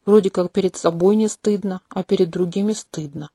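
A woman voicing a charming, manipulative male non-human prince in a home-made audiobook, speaking calmly and candidly with a faintly mocking edge. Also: on the low side, a little fast, breathy edge, no echo, studio quality. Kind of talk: audiobook character reading. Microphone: close home mic.

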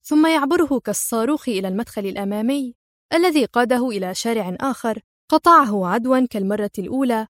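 Casting: woman storyteller, higher voice, close and dry recording. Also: lively intonation, fast talker, dry recording. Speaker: narrator. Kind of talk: dramatic story reading.

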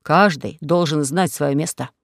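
A man's voice: on the high side, unhurried, vocal fry, no room sound, clean studio sound, pitched below the performer's own voice. A man voicing a proper, earnest young male suitor in an audiobook, speaking decisively and primly. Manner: decisive, prim.

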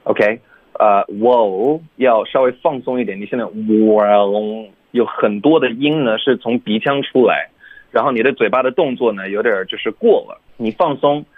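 A male pronunciation teacher on a radio show, correcting students slowly and patiently, drilling single sounds. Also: mid-range voice, dry recording. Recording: tinny phone-line voice.

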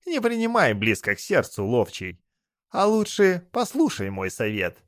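A man voicing a fat, cackling male bathhouse spirit with a high, teasing, wheedling voice. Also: huge pitch swings, a little slow, dry recording, clean studio sound. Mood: sly.

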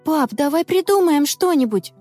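Woman doing a high excitable little girl from a kids' audiobook, pleady, bouncy pitch. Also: moderate pace, no echo, faint music behind. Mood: pleading. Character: eager, emotional young girl.

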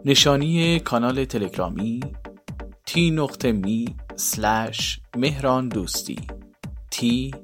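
Slow announcer over electronic music. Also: mid-range voice, expressive. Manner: spells out letters one by one. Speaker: channel announcer.

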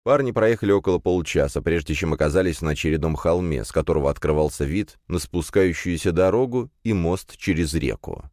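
A man reading an audiobook with steady storytelling narration. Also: low-pitched, brisk, hardly any pauses, no room sound, studio quality.

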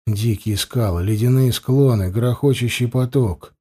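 A man reading a fantasy novel aloud as an audiobook narrator, calm and measured. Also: mid-range voice, breathy edge. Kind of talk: scripted narration.

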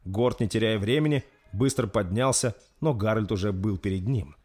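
A man reading a dark fantasy story aloud in a steady, dramatic narration. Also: lowish voice, moderate pace. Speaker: audiobook narrator.

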